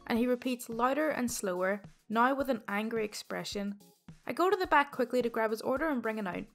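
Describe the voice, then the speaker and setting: A woman hosting a storytime channel, reading online posts aloud in a steady, even delivery. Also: on the high side.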